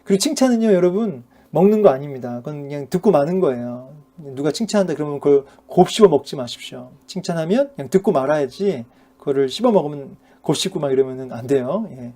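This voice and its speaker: Korean pastor teaching a Bible lecture. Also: male voice, on the high side, animated, fast, mellow. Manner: conversational, many fillers, asks the audience rhetorical questions. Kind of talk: sermon-style Bible lecture.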